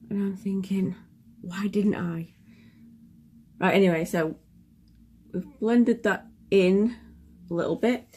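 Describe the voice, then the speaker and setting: A young woman with a medium-pitched, creaky, mellow, slightly rough voice chats casually through a makeup tutorial. She's sniffly from a cold, pokes fun at herself, and often drops to a whisper as she works.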